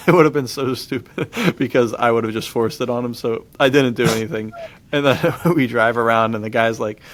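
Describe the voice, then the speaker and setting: Medium in pitch, an American man hosts a podcast where he casually discusses movies and shares stories. His talk is informal and full of slang, he keeps saying "dude," and he chuckles often as he goes.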